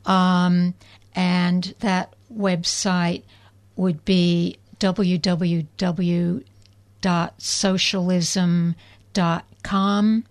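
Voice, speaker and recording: A woman, a guest activist on a radio interview, speaking in an earnest, deliberate way. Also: fairly low pitch.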